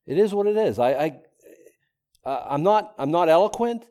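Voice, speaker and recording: Warm in tone and a little high, this middle-aged Boston pastor speaks at a moderate pace with lively intonation. He teaches the Bible conversationally, rambling, restarting, and poking fun at himself.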